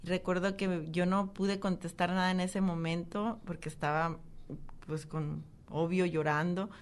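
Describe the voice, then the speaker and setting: A woman in her thirties, an interview guest, giving an emotional, halting personal testimony. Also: lowish voice, fairly even intonation.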